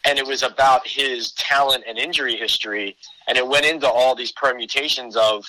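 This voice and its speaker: A man's voice: medium pitch, fairly even intonation, a little fast, sharp tone, dry recording, poor audio. A man giving conversational sports analysis as a podcast guest, explaining his case point by point.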